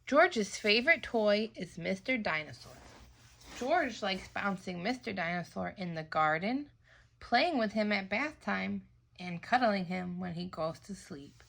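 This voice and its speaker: A woman reading a picture book aloud to young children in a slow, expressive way. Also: mid-range voice, gravelly. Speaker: storybook reader.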